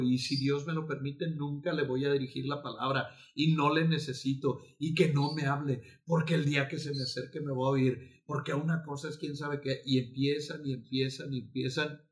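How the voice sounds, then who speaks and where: A man preaching a sermon as pastor, emphatic and repetitive, with sudden loud outbursts. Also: mid-range voice, fairly even intonation, normal speed. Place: church altar.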